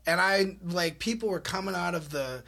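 A man telling a rowdy story in a casual chat, animated and laughing as he goes. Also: high voice, normal speed, creaky. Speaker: comedian.

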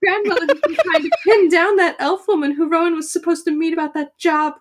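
A woman's voice: very high-pitched, fairly even intonation, a little fast, noisy background, voice pushed up. A woman voicing a small, doting, grumbling old gnome grandmother in a tabletop game. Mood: earnest, fond. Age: older. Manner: doting, folksy muttering. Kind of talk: tabletop role-play character voice.

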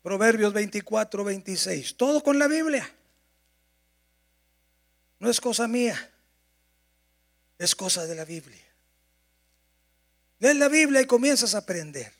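Preacher guy, slow drawn out sermon, gravelly high voice. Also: expressive. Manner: preaching, shouting at times, drawn-out emphasis. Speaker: pastor.

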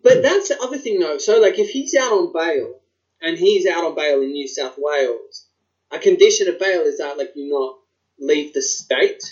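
A man's voice: a little high, lively intonation, moderate pace, a little mellow. A man with an Australian accent chatting casually as a podcast co-host, swearing and using plenty of slang. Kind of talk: casual chat. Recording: dull, lo-fi sound.

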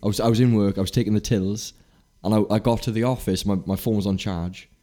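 A young man chatting on a podcast, stammering and animated as he tells a story. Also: on the low side, quick pace. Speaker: podcast co-host. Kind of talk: casual chat.

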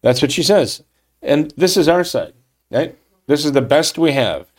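A man's voice: on the high side, animated, a little slow. A man giving a political commentary monologue, reading from a news article and reacting indignantly, with frequent restarts and tag questions. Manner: emphatic, indignant, with frequent restarts and "okay? right?" tags.

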